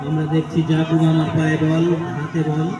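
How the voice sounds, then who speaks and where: A man's voice: on the high side, monotone, normal speed. A man giving live commentary on a village football match over an outdoor PA. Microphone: PA microphone heard from a distance. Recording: echoey distant PA, crowd and outdoor noise.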